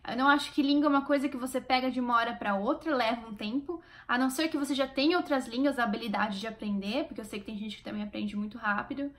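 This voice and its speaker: A woman's voice: fairly high pitch, fast, few pauses, fairly bright tone. A woman from Brazil with a Brazilian Portuguese accent, chatting in a casual vlog and cheering on her viewers. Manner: chatty and encouraging, speaking straight to viewers. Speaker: vlogger.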